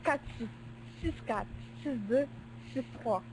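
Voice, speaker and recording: A woman's voice: high voice, animated, slow, darkish tone, slight background noise, low-quality recording. A woman reading a casual sports news flash on web radio, stumbling over foreign names and laughing at herself. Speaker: news reader.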